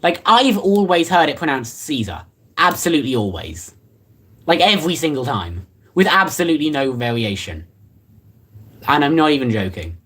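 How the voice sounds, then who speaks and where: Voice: medium pitch, very animated, normal speed, a bit bright, breathy edge. A livestreamer chatting casually and reading out viewer comments. Rambles offhand, with many fillers and restarts and a playfully sarcastic edge.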